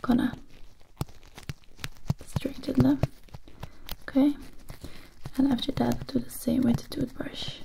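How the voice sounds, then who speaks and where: A young woman acting out a reassuring medic in an ASMR ASMR role-play. Her soft voice is high and creaky, slipping into speaks softly as she repeats little phrases to a patient. There is clear noise in the close recording. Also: heavily acted. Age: young adult. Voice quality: soft, breathy, often soft-spoken. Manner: murmured, repetitive, reassuring patter. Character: brisk, reassuring female medic doing procedures on a patient. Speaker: ASMR performer. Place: small indoor room. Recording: noisy close recording with clicking.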